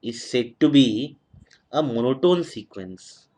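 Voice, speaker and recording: Slow, dictating male maths lecturer. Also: mid-range voice, expressive, darkish tone. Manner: mixes Hindi and English, dictates slowly, repeating each phrase. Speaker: mathematics lecturer. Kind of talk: recorded online lecture, dictating notes.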